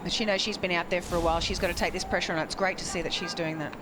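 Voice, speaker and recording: A woman's voice: fairly low pitch, fairly even intonation, rapid-fire, music in the background. A woman from Queensland with an Australian accent giving informal, explanatory live cricket analysis. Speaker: expert analyst cricket commentator. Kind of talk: live sports analysis, conversational. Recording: noisy outdoor ground, traffic ambience.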